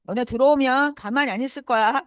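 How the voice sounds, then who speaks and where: A woman's voice: high voice, fast talker, fairly bright tone, no echo. A woman voicing a proud male lion father explaining things to his son. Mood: boastful. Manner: boastful explaining.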